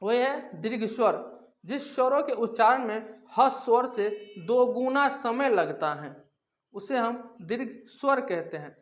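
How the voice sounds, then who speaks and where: Male teacher with a very high voice, repetitive step-by-step explainer, asks and answers his own questions. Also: lively intonation, a little slow. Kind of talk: classroom-style lesson explaining grammar.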